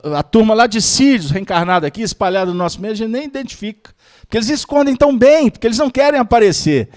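A man giving a lively Spiritist study talk, joking and acting out little scenes as he teaches. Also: high-pitched, fast. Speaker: lecturer of a Spiritist study group.

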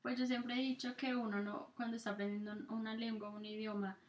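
A woman from Colombia with a Colombian accent, answering interview questions in a relaxed conversation, often reaching for fillers as she thinks. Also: on the high side, brisk, muffled recording, a little hiss or hum. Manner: thoughtful, leans on fillers like "pues" and "como". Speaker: guest.

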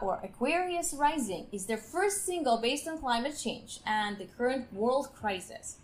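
A woman hosting a podcast, reading out her guest's introduction in an upbeat way and laughing often. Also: on the high side. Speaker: podcast host.

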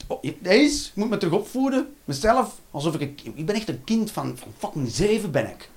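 Animated man doing stand-up. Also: brisk. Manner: animated, swings between loud outbursts and low muttering, swears. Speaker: stand-up comedian. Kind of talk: stand-up comedy routine.

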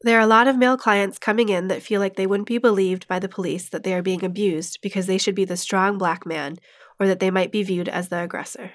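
Woman, social services advocate, firm measured tone, interview. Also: mid-range voice, fairly even intonation.

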